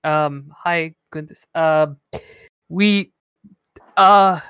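A woman plays a flustered young male warrior in a tabletop game, stumbling over every word. He speaks slowly and haltingly, clearing his throat as he loses his nerve. The sound is dry and close. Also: sits low, fairly even intonation, a bit bright, no echo, voice pushed down, heavily acted.

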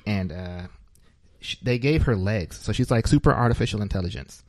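A man's voice: lowish voice, lively intonation, a little fast, dry recording. A man hosting a podcast in a small studio, chatting casually, joking and laughing often. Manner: jokey, laughs often, loose filler-heavy talk. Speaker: podcast host.

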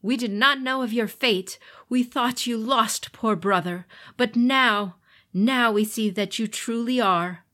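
A stern male ruler god , played by a woman, passes solemn judgment. He speaks loudly and with authority. It is a noble figure from a spoken storybook. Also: fairly high pitch, slow, pitched above the performer's own voice. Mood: sorrowful. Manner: commanding, solemn.

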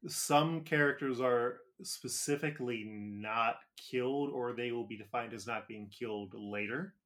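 A male podcast co-host talks through an episode recap in a loose, joking way. He laughs along and peppers his telling with filler words. His voice sits at a middling pitch. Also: measured pace, a bit bright.

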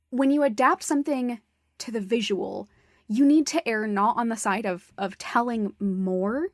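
This is a co-host on a casual talk show, a woman with a slightly high voice, discussing a stage musical in an opinionated, critical way. She's emphatic and analytical and swears casually, captured in a dry, clean studio recording.

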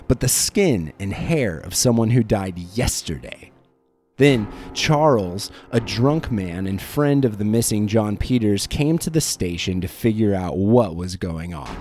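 A man's voice: lowish voice, darkish tone. A man narrating a recap of a tabletop game in a dry, matter-of-fact storytelling manner with casual swearing. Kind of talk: scripted narration. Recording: background music.

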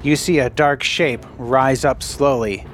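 A man running a tabletop game as game master, narrating quickly and playfully with frequent laughs. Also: medium pitch, steady tone, fairly bright tone, soft background music.

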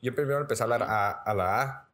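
Young Mexican guy, podcast host, fast and slangy storyteller. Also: medium pitch, fairly bright tone. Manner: rapid slangy storytelling with frequent filler "güey". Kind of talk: casual storytelling chat.

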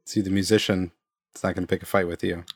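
A man's voice: low voice, flat delivery, quick pace, breathy edge, no room sound, studio quality. A man co-hosting a casual chat, easygoing and laughing along.

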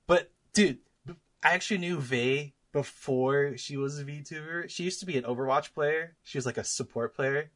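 A man's voice: a little high, moderate pace, a bit bright. Rambling, laughing casual co-host man. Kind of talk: casual chat.

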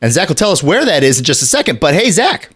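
Chatting casually despite a stuffy chest cold, this podcast host rambles, restarts his sentences and keeps clearing his throat. He speaks quickly and very animatedly, with a fairly bright voice on the high side.

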